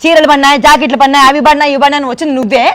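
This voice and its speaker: A woman in a comedy skit fires off scolding lines at very high speed. Her voice sits high and sounds bright, and she argues combatively with no pauses. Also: steady tone. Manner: scolding, rapid-fire and combative. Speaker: quarrelsome neighbor in a comedy skit. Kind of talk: scripted comedy skit, rapid bickering.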